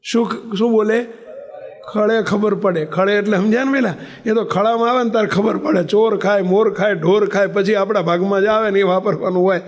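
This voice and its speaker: A man's voice: high-pitched, steady tone, brisk, few pauses. A man giving a sermon, telling a story, acting out its characters and asking the listeners questions. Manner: acts out characters' voices in his stories; asks the listeners rhetorical questions. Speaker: preacher.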